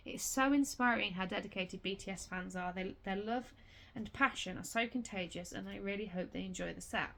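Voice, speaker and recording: A woman's voice: mid-range voice, gravelly, fairly bright tone. A woman reading a booklet aloud in a casual vlog, stumbling over words and breaking off to swear. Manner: reads haltingly with restarts and swears in sudden outbursts. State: has the hiccups.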